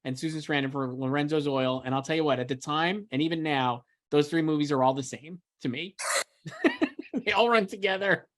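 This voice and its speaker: Co-hosting a casual chat about film awards, a man delivers emphatic, opinionated takes with real enthusiasm. His voice runs on the high side, brisk and fairly bright.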